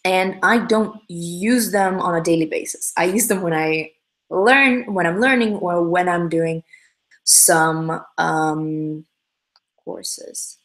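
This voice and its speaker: A young adult woman whose first language is Russian hosts a casual livestream, answering viewers' comments upbeat with lots of fillers and restarts. Her voice is fairly low and fairly bright, unhurried, with a roomy sound.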